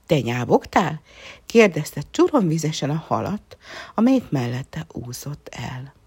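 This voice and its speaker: A woman reading a children's story aloud, softly and often half-whispering. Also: sits low, big pitch swings, husky.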